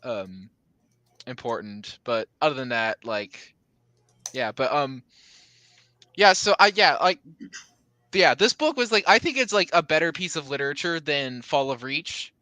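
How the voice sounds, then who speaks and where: A man's voice: mid-range voice, sing-song, measured pace, long pauses, sharp tone, dry recording. A man chatting casually in a book club discussion, rambling with lots of fillers and restarts.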